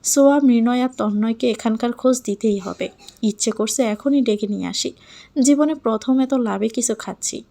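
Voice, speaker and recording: Female storyteller, lively first-person narration, higher pitch. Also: normal speed, gravelly.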